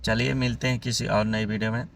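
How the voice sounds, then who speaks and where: A man's voice: lowish voice, fairly quick, gravelly, distant mic, slight background noise. A man closing a video for his channel, asking viewers to comment, like and subscribe in a plain, repetitive way. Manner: flat, addresses viewers as friends. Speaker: channel host. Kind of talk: YouTube outro narration.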